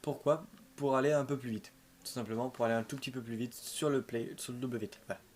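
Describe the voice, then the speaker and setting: A man's voice: medium pitch, steady tone, brisk, darkish tone. A man giving casual let's-play commentary as a gaming video host, rambling and often repeating or correcting himself. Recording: clearly noisy home recording.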